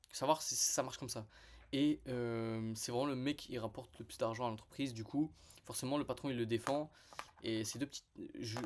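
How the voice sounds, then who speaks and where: A young man telling a personal story to camera in casual, slangy French, rambling with many fillers and restarts. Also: mid-range voice. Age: young adult.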